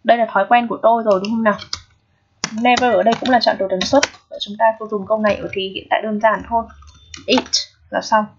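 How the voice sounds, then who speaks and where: A woman's voice: medium pitch, steady tone, fast, slight background noise. A woman teacher explaining English grammar step by step, checking in with her students often. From Vietnam. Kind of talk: recorded grammar lesson. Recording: dull, lo-fi sound.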